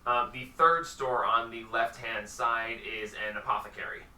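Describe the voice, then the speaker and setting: A man narrating a tabletop game as game master, halting with many fillers. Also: mid-range voice, steady tone, pushed and bright, reverberant, recorded from a distance.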